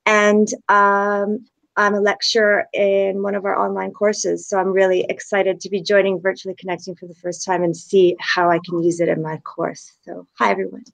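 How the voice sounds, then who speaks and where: Creaky-voiced woman in a dry-sounding space. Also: mid-range voice, dry recording. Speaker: lecturer and PhD student, online participant. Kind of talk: casual self-introduction on a video call. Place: video call.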